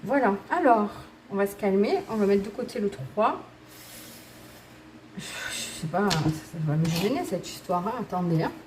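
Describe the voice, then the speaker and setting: A woman gives a casual card-reading guidance session in a bubbly, giggly way, rambling through fillers and restarts. Her voice sits at an ordinary middle pitch, and she keeps chatting straight to her viewers with self-mocking asides. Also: animated, moderate pace, noisy background. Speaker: tarot and oracle card reader.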